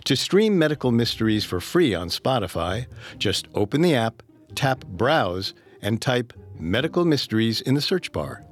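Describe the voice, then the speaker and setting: A man's voice: medium pitch, big pitch swings, normal speed, soft background music. A man co-hosting a podcast, reading scripted storytelling narration about mysteries. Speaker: podcast co-host.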